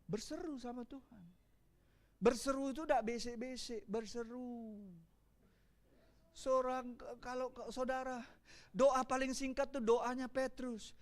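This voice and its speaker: A man with a Palembang accent preaching a sermon as pastor, animated and calling out to the congregation. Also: extremely high pitch, measured pace, pauses often.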